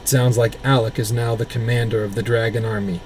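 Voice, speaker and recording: A man voicing a mild, quiet young male scholar who has just been beaten in a fight. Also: medium pitch, flat delivery, brisk, a little hiss or hum, natural voice. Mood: weary.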